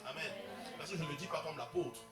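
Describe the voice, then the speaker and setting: Pastor preaching in an echoing church hall. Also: male voice, on the high side, quick pace, recorded from a distance, over music. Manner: preaching with call-and-response, rising to loud bursts. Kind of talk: sermon. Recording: roomy echo from afar.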